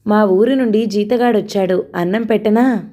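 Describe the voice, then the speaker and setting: Young village wife read by a woman, polite and a little flustered, mellow warm tone. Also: mid-range voice, moderate pace, natural voice.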